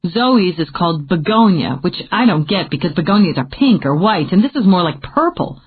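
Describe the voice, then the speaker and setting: An animated, exasperated woman, as a female narrator voices her in an audiobook. Her lines jump up high and swing widely in pitch. The audio is thin and tinny, like a phone line. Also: normal speed, breathy edge. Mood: wry. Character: lively impatient woman redecorating a bookstore. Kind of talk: audiobook character reading.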